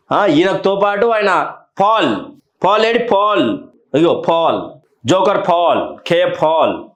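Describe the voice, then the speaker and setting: Man, angry commentary, taunting rhetorical questions, high voice, echoey room. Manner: scolding, taunting, repeats his questions. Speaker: political commentator. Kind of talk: heated political commentary. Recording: roomy echo.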